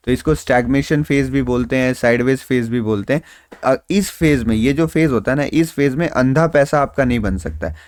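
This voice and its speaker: A man explains market moves in a relaxed, conversational way, reassuring his viewers and dropping English phrases in as he goes. His voice sits at an ordinary middle pitch. The recording is close and dry, with no room sound. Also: fairly quick, no echo. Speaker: stock market trader and YouTube host. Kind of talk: casual explanatory market analysis.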